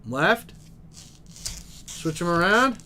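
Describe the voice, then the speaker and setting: A young man at a game store reading card names aloud on a live stream and chatting with viewers, easily excited by good pulls. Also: high-pitched, very slow, slight background noise. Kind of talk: live-stream pack opening commentary. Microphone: desk microphone.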